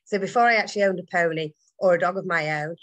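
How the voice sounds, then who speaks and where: A middle-aged woman with a somewhat low voice tells a rambling childhood story as an impromptu club speech. She is chatty and laughs as she goes. Her voice comes over a video call. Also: quick pace.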